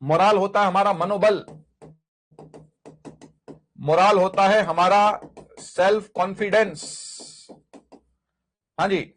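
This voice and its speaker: A man's voice: high-pitched, fairly even intonation, takes it slowly, long pauses, a bit bright. A man teaching an exam vocabulary lesson, drilling word lists by repetition and asking and answering his own questions. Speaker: English teacher.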